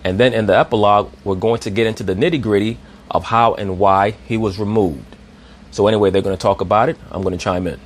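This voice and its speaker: A man's voice: fairly low pitch, fairly even intonation, quick pace. A man giving a preachy commentary monologue, addressing listeners as brothers and asking rhetorical questions. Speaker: online commentator.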